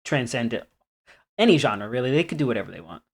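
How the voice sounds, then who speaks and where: A man co-hosting a podcast in casual chat, laughing often while giving relaxed opinions. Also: medium pitch, brisk, vocal fry, slightly rough. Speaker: podcast co-host.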